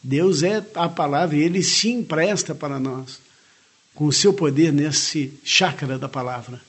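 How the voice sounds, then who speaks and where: Husky man reading a spiritual lecture. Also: on the high side. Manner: measured, earnest reading with short spoken asides.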